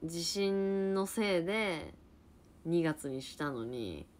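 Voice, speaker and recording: A young woman in her twenties from Niigata, Japan, hosting a casual livestream chat and answering viewers with quick reactions and frequent laughter. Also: on the low side, lively intonation, a little hiss or hum. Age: 20s. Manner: chatty, reacts to comments, laughs often. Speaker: livestream host chatting with viewers.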